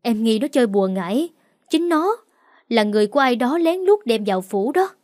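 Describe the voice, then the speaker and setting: A woman voicing a scheming second wife of a rich household, loud and accusing in a storybook reading. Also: fairly high pitch, big pitch swings, a little fast, dry recording, clean studio sound. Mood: whining.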